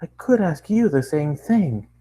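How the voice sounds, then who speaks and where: Earnest, bookish, somewhat high, lavender pony mare, as a man reads her. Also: lively intonation, unhurried, mellow, rough recording. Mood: puzzled. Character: studious female lavender pony, puzzled and earnest.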